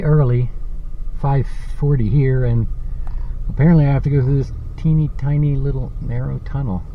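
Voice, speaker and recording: A man's voice: medium pitch, a little hiss or hum. A man casually narrating his hiking vlog outdoors, thinking aloud and rambling with lots of fillers. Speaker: hiking vlogger. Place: outdoors on trails and at a campground. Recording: dull lo-fi camera audio.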